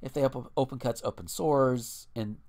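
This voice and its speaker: On a casual podcast, a male co-host with a medium pitch and a slightly mellow tone speaks at a moderate pace. He rants with blunt, profane language and frequent restarts, sometimes reading out a news article.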